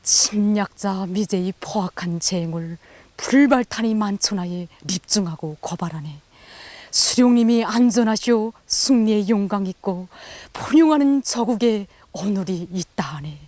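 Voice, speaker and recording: A woman's voice: medium pitch, animated, a little slow, a little mellow, no echo. A woman with a North Korean accent, narrating fervently as a guide at a historic site.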